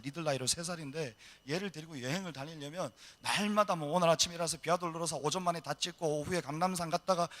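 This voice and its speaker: A middle-aged man preaches to a young audience, his voice bright and sitting a little high. He tells his story in an animated way and acts out each exchange as he goes. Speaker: missionary preacher. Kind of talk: storytelling sermon. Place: church hall.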